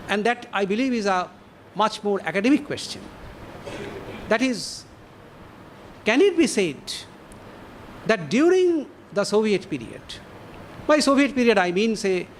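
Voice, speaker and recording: A man with an Indian English accent gives an academic lecture to an audience in a high-pitched voice, speaking deliberately and posing rhetorical questions with measured pauses. A little hiss or hum is audible.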